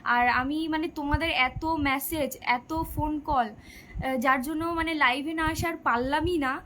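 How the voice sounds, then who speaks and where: A woman's voice: high voice, unhurried, fairly bright tone, a little hiss or hum, low-quality recording. A sixteen-year-old girl chatting on a live stream, reading out viewers' comments and answering their questions. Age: teenager, 16. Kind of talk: casual live-stream chat.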